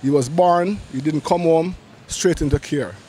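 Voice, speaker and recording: A fairly high but dark-toned voice, a little slow, belongs to a middle-aged man giving emotional testimony in a street interview. He speaks urgently and frequently restarts his phrases, captured by a close handheld mic with faint traffic and city ambience in the background.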